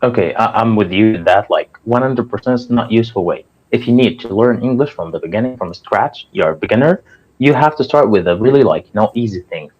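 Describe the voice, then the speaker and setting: A young Egyptian man, a native Arabic speaker with an Egyptian accent, talks earnestly as a guest in casual conversation, peppering his speech with "like" and "you know." His voice is fairly low, animated, and a little fast, and the audio sounds slightly dull and muffled.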